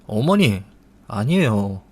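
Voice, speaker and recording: A man's voice: fairly low pitch, sing-song, slow, darkish tone, slightly rough, no echo, heavily acted. A man voicing a young wife who sounds wronged, pleading and upset.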